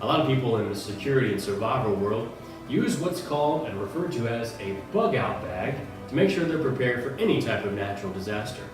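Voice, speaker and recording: Man as mock-authoritative male anchor, deadpan parody news delivery, off-mic in a very reverberant room. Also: mid-range voice, fairly quick, close to an everyday voice. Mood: self-important. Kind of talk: parody newscast. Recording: echoey room, distant mic, music behind.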